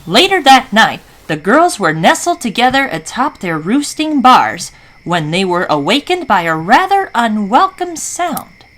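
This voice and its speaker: A woman storyteller narrating a scripted children's story in an animated, dramatic style. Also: fairly high pitch, unhurried. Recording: faint background noise.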